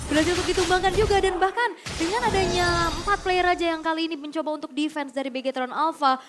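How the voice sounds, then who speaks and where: A woman's voice: very high-pitched, steady tone, fast. A woman giving live commentary on an esports match as a caster. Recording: music behind the voice. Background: music.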